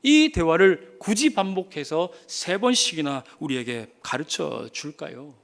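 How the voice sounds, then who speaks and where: A man's voice: fairly high pitch, lively intonation, a little slow, creaky. A male pastor giving an emphatic sermon, telling a story and speaking straight to his congregation.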